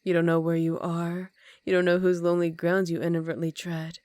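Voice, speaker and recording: A woman playing an ancient, aristocratic vampire countess in an intimate ASMR roleplay, speaking softly and formally with a teasing, condescending manner and some whispered phrases. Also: fairly low pitch, completely flat delivery, fairly quick, no room sound, natural voice. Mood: teasing, seductive.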